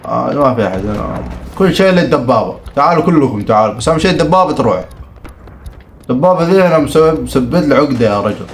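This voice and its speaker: A young man talks quickly through a shooter game, teasing and muttering complaints as he plays. His voice sits at a middling pitch, and faint gunfire runs underneath. His delivery is excitable and conversational. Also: slight background noise. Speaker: gaming streamer. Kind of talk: live gameplay commentary. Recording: game audio with gunfire behind.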